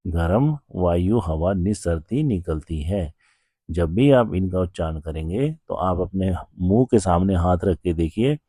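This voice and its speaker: Slow, deep-voiced male teacher. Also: warm tone, slightly rough, no room sound, studio quality. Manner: slow, patient explaining with frequent rhetorical questions. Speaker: Sanskrit teacher. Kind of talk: classroom grammar lesson.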